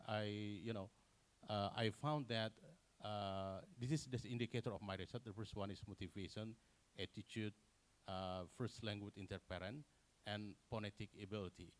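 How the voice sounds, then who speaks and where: Halting man presenting research. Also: on the low side. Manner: halting, many fillers and restarts. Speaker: conference presenter. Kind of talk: academic conference presentation.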